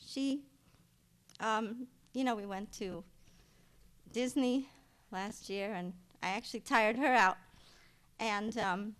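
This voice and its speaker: A middle-aged woman speaks at a funeral, telling stories about her mother. Her delivery rambles, with fillers and false starts, and she grows loud and lively when a story lands. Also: fairly high pitch, slow. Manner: grows loud and animated at the punchlines. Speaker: daughter giving a eulogy. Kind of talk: funeral eulogy, personal anecdotes. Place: funeral service.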